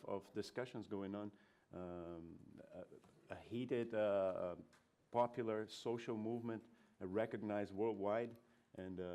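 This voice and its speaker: A man from Brazil presents at a conference in a low voice. He has a cold that leaves his nose stuffy. His delivery is polite and measured, with hesitations as he finds his words. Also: a little mellow. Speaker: communications director giving a presentation. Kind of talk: prepared conference talk, spoken off the cuff.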